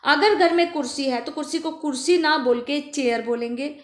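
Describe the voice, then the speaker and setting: In an echoey room, a high-voiced female teacher gives primary schoolers a phonics lesson. She says words slowly and repeatedly, asking questions and supplying the answers herself.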